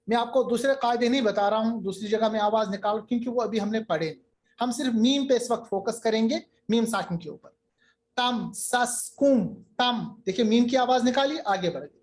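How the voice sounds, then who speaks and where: A male teacher giving a recitation lesson, explaining each rule patiently and step by step, with slow chanted examples. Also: extremely high pitch.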